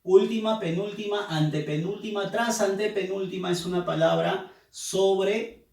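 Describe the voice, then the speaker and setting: A man's voice: high voice, fairly even intonation, measured pace, creaky, a little mellow. A man teaching a lesson to young students, patiently drilling syllables and asking them to pronounce each word. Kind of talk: classroom lesson on accent rules. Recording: roomy echo, voice from a distance.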